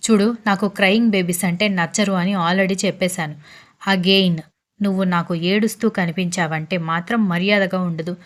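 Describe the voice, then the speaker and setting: A woman's voice: lowish voice, steady tone, normal speed, natural voice. A woman voicing a possessive, bossy young man who gives blunt orders in a read-aloud story. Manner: commanding, blunt.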